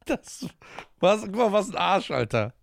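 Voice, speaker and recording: Teasing, animated German podcast co-host man. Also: sits high, unhurried, gravelly, a little hiss or hum. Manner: teasing, animated, acts out film scenes. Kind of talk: casual banter podcast.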